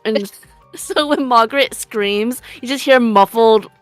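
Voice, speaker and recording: A woman's voice: on the high side, unhurried, dry recording, faint music behind. A woman playing a tabletop game who describes her actions hesitantly, with many fillers. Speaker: player. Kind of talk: casual tabletop play.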